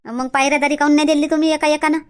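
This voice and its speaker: A woman with a high voice and a Varhadi Marathi accent speaks in a nosy, questioning way. She plays an auntie figure in a village comedy skit. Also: little pitch movement, racing. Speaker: older aunt figure in a comedy sketch. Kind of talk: scripted comedy skit dialogue.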